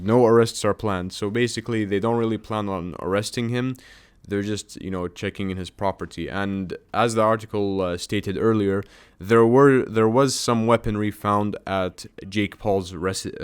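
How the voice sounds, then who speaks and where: A man whose voice sits on the low side, clear and resonant, makes casual fun of a news article while reading it aloud as a YouTube commentator. He rambles, stumbles into restarts, and fills gaps with filler words.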